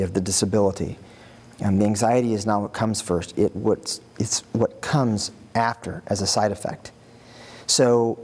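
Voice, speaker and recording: A man, an educator answering interview questions and telling stories in an earnest, husky voice that often repeats words as he gets going. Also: on the low side, a little mellow. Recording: reverberant room.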